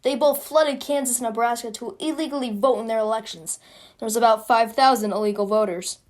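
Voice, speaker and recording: A woman's voice: a little high, brisk. A young woman narrating a sarcastic comic history explainer, recorded on a phone. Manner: sarcastic, playful. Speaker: video creator.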